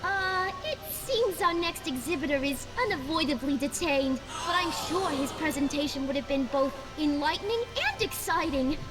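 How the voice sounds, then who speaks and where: A woman's voice: high-pitched, expressive, moderate pace, hardly any pauses, over music, rough recording. A woman voicing a perky, formal expo announcer in a video game, with chirpy, flowery, upbeat delivery. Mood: flustered.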